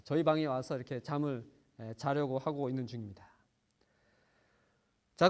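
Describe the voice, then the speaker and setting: A man preaching a sermon, telling a personal story earnestly, with frequent small fillers and phrases that swell for emphasis. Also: a little high.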